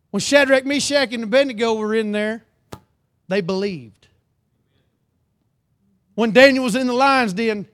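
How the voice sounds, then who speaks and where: Reading from scripture and asking his listeners for amens, a man preaches with lines that shift from loud and emphatic to low and earnest.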